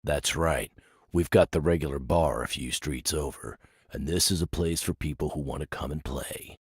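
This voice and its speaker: Very deep gambling-den boss. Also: male voice, normal speed, breathy edge, no room sound, clean studio sound, heavily acted. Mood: cool. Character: man running a gambling den, calm, menacing. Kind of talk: video game voice acting.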